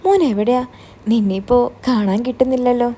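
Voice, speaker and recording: A woman's voice: fairly high pitch, fairly even intonation, brisk, warm tone, lightly acted. A woman voicing a kind, fatherly older man who works as a restaurant cashier. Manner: fatherly, friendly.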